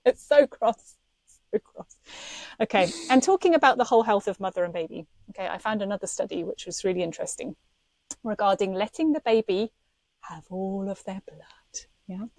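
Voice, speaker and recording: A woman's voice: mid-range voice, expressive, a little fast, a little mellow, dry recording. A woman co-hosting a podcast, talking passionately and indignantly, with frequent laughs. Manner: impassioned, indignant, laughs often. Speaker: podcast co-host.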